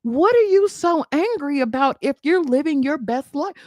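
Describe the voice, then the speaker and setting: A woman's voice: sits high, lively intonation, normal speed, a little mellow, dry recording, studio quality. A woman, hosting a casual commentary stream, sassy and laughing, firing off emphatic rhetorical questions.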